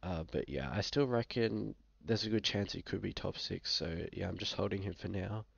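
A young Australian man with a low, slightly rough voice and some vocal fry speaks at a moderate pace, sounding a bit sick and coughing now and then. He's a fantasy football vlogger talking through a screen-share review in a small indoor room, laid-back and hesitant with plenty of fillers. The recording is muffled but has no echo.

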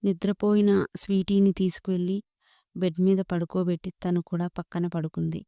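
A woman narrating a romantic storybook in a steady, even reading manner. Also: lowish voice, a little fast, dry recording, clean studio sound.

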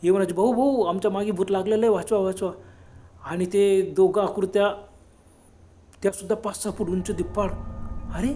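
A man narrating a ghost story in a dramatic, unhurried way, with exclamations. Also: sits high, warm tone, a little hiss or hum. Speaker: storyteller, channel host.

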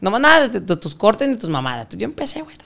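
High-pitched, gravelly, and sharp in tone, this young Mexican man talks fast and with great animation. He's a podcast guest in a casual storytelling interview, spinning crude tales packed with profanity and imitating the voices of people he quotes.

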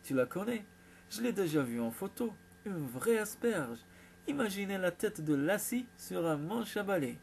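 Un jeune frère effronté qui se moque sans retenue de sa sœur, joué par un narrateur masculin à la voix assez aiguë. Il parle fort, avec un entrain railleur, dans une lecture de roman enregistrée avec un léger souffle. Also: male voice, high voice, expressive, moderate pace, gravelly, darkish tone, slight background noise, pitched above the performer's own voice. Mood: moqueur. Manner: mocking, exuberant. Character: teasing young adult brother.

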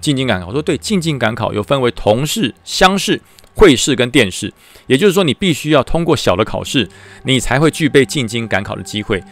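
Animated Taiwanese Mandarin storyteller man. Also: medium pitch, brisk, no echo. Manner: animated, acts out characters in dialogue. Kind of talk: spoken storytelling of a military ghost tale. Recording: faint background music.

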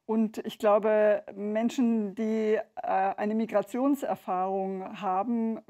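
A woman hosting an event, introducing the next part in free speech with some fillers, on a stage in a dark studio. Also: medium pitch. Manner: speaks freely with fillers. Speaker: event host.

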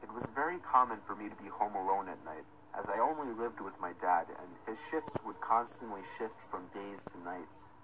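A man's voice: on the low side, normal speed, hardly any pauses, noisy background. A man reading a scripted first-person horror story as its narrator. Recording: music under the narration. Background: music.

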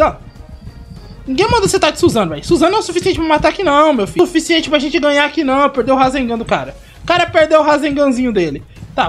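A high-pitched woman narrates her gameplay at a rapid clip. She sounds excitable and teasing and keeps repeating her phrases. Faint music plays behind her. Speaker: gaming channel host. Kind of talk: excited Minecraft gameplay commentary.

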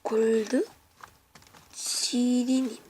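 A woman talking casually and unscripted in a halting, apologetic way, often muttering to herself. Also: on the high side, flat delivery, dark tone, slight background noise. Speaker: amateur video maker nominating people for a challenge. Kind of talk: casual, unscripted vlog talk.

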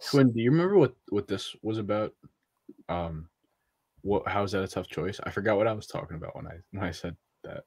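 A man's voice: on the low side, lively intonation, fairly quick, darkish tone, slightly rough. Co-host, young man, casual and joking, webcam from a small room. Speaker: podcast co-host. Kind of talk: casual postgame chat. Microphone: video call webcam.

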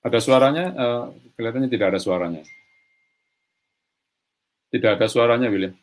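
A man's voice: mid-range voice, brisk. A middle-aged man giving a virtual conference keynote over a webcam from a small room, hesitant, with frequent "right, so" fillers. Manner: peppers talk with "right, so"; hesitant, many restarts and "eh". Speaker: keynote speaker. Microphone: video call webcam.

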